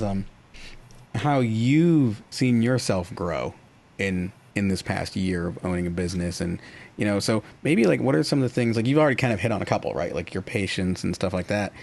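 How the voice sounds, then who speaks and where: Male podcast host, laid-back and encouraging, low-pitched, casual questioning. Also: normal speed, vocal fry. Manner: relaxed, easygoing, supportive, many fillers.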